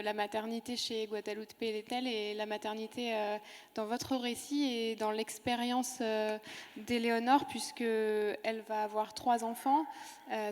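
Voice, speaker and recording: A woman moderates a literary discussion and introduces questions to the authors. Her pitch sits a little high and stays very even, with measured phrasing. The room gives her a long hall reverb. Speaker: panel moderator.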